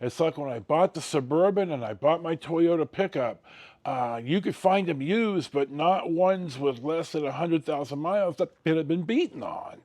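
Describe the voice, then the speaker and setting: An older American man tells personal stories casually and ramblingly, halting, digressing and acting out snatches of dialogue. His voice is a little high and a little mellow, with lively intonation.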